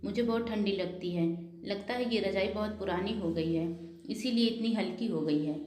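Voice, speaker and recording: A woman doing a frail old mother who sounds gentle and resigned and speaks in a soft, pleading way. Her voice sits at an ordinary middle pitch. The recording has a noticeable room echo. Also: normal speed, lightly acted.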